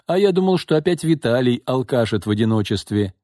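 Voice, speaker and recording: A man's voice: medium pitch, lively intonation, a little fast, dark tone, dry recording, clean studio sound, voice pushed up, lightly acted. A man voicing a blunt old housekeeper woman. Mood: scolding. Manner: coarse folksy scolding.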